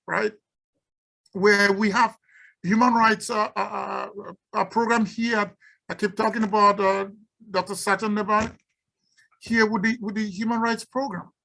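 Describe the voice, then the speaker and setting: A Cameroonian researcher gives an unscripted symposium talk and takes questions, speaking with a Cameroonian accent and often stumbling over and repeating words. Her voice is a little high and fairly bright, and the recording is rough.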